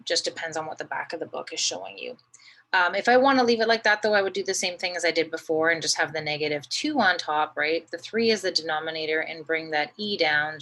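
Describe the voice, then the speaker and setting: A woman's voice: deep voice, a bit bright, poor audio. A woman teaching a math lesson, patiently talking through each step and often checking in with "right?".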